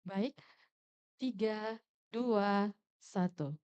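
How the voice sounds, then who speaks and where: A woman's voice: mid-range voice, extremely slow, a little mellow, clean tone, dull audio. A woman working as an event emcee, giving polite, formal announcements into a microphone at a ballroom event.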